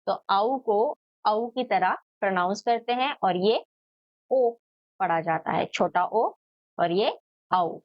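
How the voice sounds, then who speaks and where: A woman teacher giving a children's lesson, sounding out each letter slowly and answering her own questions. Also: medium pitch, no echo, highs cut off.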